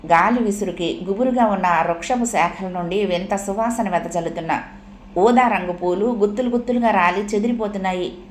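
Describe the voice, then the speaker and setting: A woman's voice: mid-range voice, a little fast, a little hiss or hum. Woman reading a story, echoey room. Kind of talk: reading a serial story aloud.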